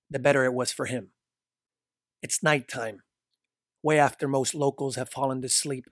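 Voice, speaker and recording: A man reading a dark fiction story aloud in a steady, descriptive narration. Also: mid-range voice, no echo, studio quality.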